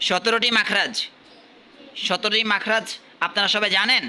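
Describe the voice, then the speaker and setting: A man from Bangladesh teaching at a madrasa, quizzing his pupils and repeating questions while urging them to answer louder. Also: high voice, fairly even intonation, normal speed. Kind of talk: classroom quizzing.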